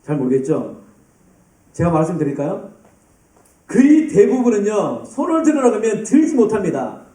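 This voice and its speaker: A man preaching a sermon to a youth group, lively and addressing students by name. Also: high-pitched, moderate pace. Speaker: pastor. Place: church hall. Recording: roomy, distant church hall sound.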